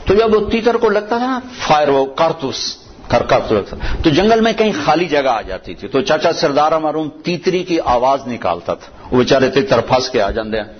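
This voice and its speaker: A man's voice: a little high, sing-song. A male preacher from Pakistan giving a sermon, telling stories and reciting verses, repeating key phrases for emphasis. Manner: storytelling with Quranic recitation in Arabic. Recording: old dull lo-fi recording with faint noise.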